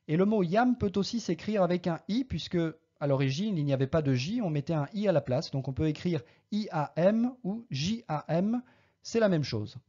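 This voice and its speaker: A Latin teacher giving a recorded lesson, slowly modelling each Latin word's pronunciation and then explaining it. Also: medium pitch, animated, dark tone, lo-fi sound.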